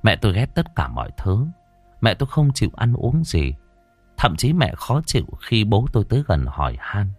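A man narrating an audiobook story in an expressive, dramatic manner. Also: on the low side, normal speed, husky, no room sound, soft background music.

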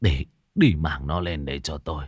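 A man's voice: very deep voice, normal speed, a little mellow, breathy edge, dry recording, studio quality, pitched below the performer's own voice. A man voicing a weary, stern old patriarch in a spoken ghost story, crying out in grief and muttering in exhaustion. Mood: hushed urgent.

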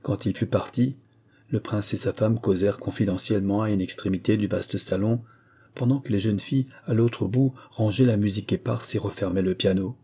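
A man narrating an audiobook in a measured, expressive way. His voice is deep and very dark, with a husky grain throughout. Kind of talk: novel reading.

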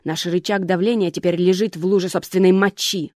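An audiobook narrator voicing a contemptuous young woman with a cutting, scornful manner, in a dry, even tone. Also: mid-range voice, fairly quick, no room sound, natural voice.

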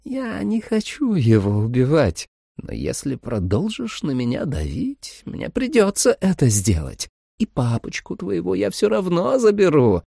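A man's voice: fairly high pitch, huge pitch swings, vocal fry, mellow, slightly rough, no room sound, studio quality, pitched above the performer's own voice, heavily acted. A man doing a crooning vampire mother. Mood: crooning menace. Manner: slow, crooning, menacing. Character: seductive cruel vampire mother, woman.

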